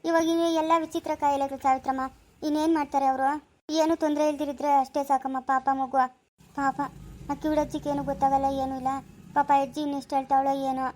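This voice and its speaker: Quick high-voiced village woman. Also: little pitch movement, darkish tone, a little hiss or hum. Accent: Chikkaballapur Kannada. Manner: scolding, soothing, talks over others. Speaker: village mother in a family skit. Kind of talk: rural Kannada skit acting.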